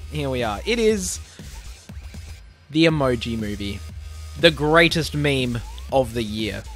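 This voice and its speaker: A man's voice: on the high side, fairly bright tone. A young Australian man ranting casually about bad movies, sarcastic and exasperated, swearing often. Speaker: movie reviewer.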